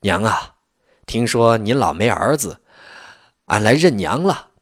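A man voicing a young communist cadre who reassures poor villagers earnestly, with a husky voice. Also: lowish voice, very animated, measured pace, no echo, clean studio sound, full character voice. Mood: reassuring.

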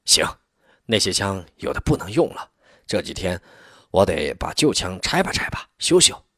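A man's voice: sits low, big pitch swings, moderate pace, a bit bright, no room sound, studio quality, full character voice. A man voicing a loyal, practical militia captain who speaks plainly and earnestly.

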